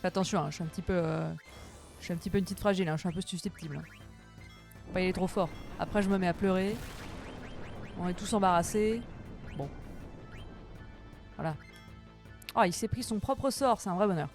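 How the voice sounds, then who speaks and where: Woman, streamer, tired voice, playful, casual gaming chat, soft game music in the background. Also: on the low side. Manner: playful, chatty, quick to laugh.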